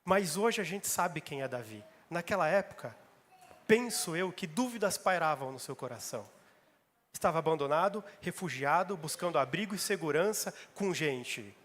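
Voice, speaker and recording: Pastor, male, fairly high voice, emphatic repeating sermon, reverberant church hall. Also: fairly bright tone. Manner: emphatic, repeats phrases for stress.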